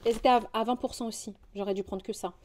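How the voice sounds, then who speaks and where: A young French woman, chatting casually through a grocery haul vlog, rambling and quick to get indignant. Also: on the high side, steady tone, darkish tone. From France. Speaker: vlogger.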